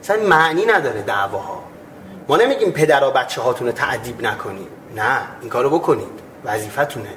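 A man preaching on everyday morals at a middle pitch. He explains his point in earnest tones and acts out short back-and-forth dialogues to show it. A faint hiss sits under his voice. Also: animated, fairly bright tone. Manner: acts out imagined dialogues with listeners. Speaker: religious speaker. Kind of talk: religious ethics talk.

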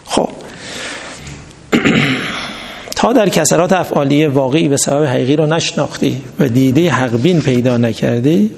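Man, religious lecturer, fairly high gravelly voice, long hall reverb. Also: darkish tone. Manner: reads text then explains in colloquial speech with stories. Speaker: religious teacher.

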